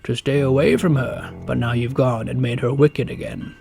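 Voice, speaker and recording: A man's voice: mid-range voice, steady tone, moderate pace, vocal fry, warm tone, soft background music, natural voice. A man voicing a stern old woman guardian in a storybook reading, speaking in warnings.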